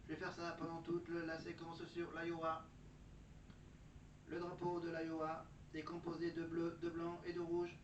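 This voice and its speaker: A mechanical chatbot robot voice, put on by a man, reading facts in a dead-level tone with almost no rise or fall. His pitch sits a bit high for a man. The sound comes from a distance in an echoey space, dull and lo-fi with clear noise behind it. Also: completely flat delivery, unhurried, lightly acted. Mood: monotone. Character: flat monotone chatbot robot voice. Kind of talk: factual segment delivered as a robot.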